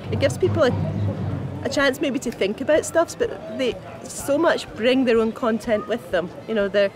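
A woman's voice: a little high, moderate pace, crowd noise. A woman speaking loosely about a cultural space, full of filler words. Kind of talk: festival interview.

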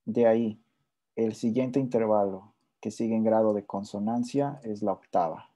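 A man teaching a relaxed music theory lesson, explaining step by step and often checking in with his listeners while playing examples on guitar. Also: lowish voice, moderate pace. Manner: plays intervals on guitar between phrases.

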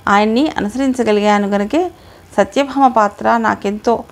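Woman doing a fond old-school mom reminiscing, slow and warm-hearted, kinda high voice. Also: natural voice. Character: devoted mother, former male-role dancer, earnest.

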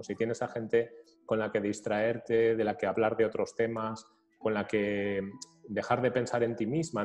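A man working as a psychologist, who interviews a client calmly and keeps checking his points with short questions. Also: on the low side, big-room sound. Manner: calm, explaining, checks in with questions. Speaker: psychologist host. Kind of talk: therapeutic interview.

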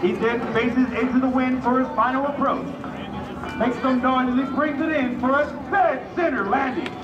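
A man announcing an air show parachute jump over a public address system, with a drawn-out showman delivery. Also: very high-pitched, steady tone, muffled recording. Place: outdoor air show field. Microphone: PA system recorded from the crowd. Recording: echoey loudspeaker heard from far off. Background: loud music and cheering crowd.

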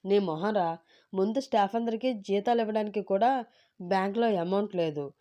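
A woman's voice: mid-range voice, moderate pace, dark tone, muffled recording, lightly acted. A woman voicing a sarcastic middle-aged father mocking his son in a storybook narration. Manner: dry and sarcastic.

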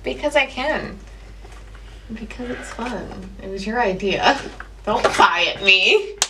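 A woman's voice: mid-range voice, animated, slow pace, bright, forceful tone, a little hiss or hum. A young woman chatting casually in a giggly, tipsy way. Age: young adult. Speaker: makeup challenge vlogger. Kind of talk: casual chat. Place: small indoor room at home. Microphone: camera a few feet away. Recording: distant camera mic, music behind.

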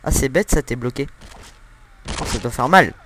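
A man's voice: mid-range voice, moderate pace, fairly bright tone. A young man giving joking, crude let's-play commentary at home, with lots of fillers and laughter into a desktop mic. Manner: joking, giggly, crude humor, many fillers. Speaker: gameplay commentator.

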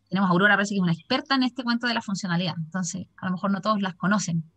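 Chatty Chilean woman moderating a call. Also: mid-range voice. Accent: Chilean Spanish. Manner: lively, chatty, reads chat comments aloud. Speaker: session moderator. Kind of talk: warm moderating of a video call. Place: small bright office indoors. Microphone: laptop webcam mic on a video call.

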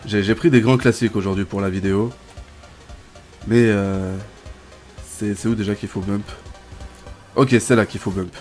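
A man's voice: lowish voice, normal speed, long pauses, soft background music. A young man giving casual, chatty gameplay commentary as a gaming YouTuber. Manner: chatty, bursts into excited shouts and laughs.

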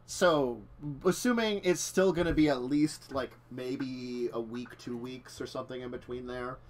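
A man's voice: mid-range voice, a little slow. A man talking casually as the storyteller of a tabletop role-playing game. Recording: faint noise with keyboard clicks.

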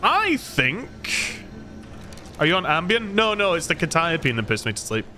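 This Scottish gamer's fairly high voice swings hugely in pitch, sounding pushed and bright at a moderate pace, with faint music behind him. He rambles casually to his stream chat while playing, self-deprecating throughout. Background noise is noticeable.

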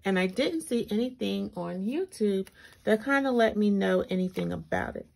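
Very animated, a woman speaks at a moderate pace in a mid-range voice that's creaky and a little mellow, over poor audio with noticeable background noise and clicks. She's a planner reviewer and video host whose braces slightly impede her speech while she gives a casual, chatty walkthrough, thinking aloud and reading items out. The shot is overhead, hands only, at an indoor tabletop.

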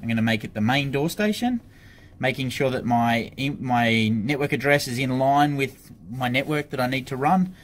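Working at his office desk, a product demonstrator for an intercom supplier talks informally through each step of a casual hands-on tutorial. He's an Australian man with a medium-pitched voice and a moderate pace. The audio is clear, with some room ambience and background noise.

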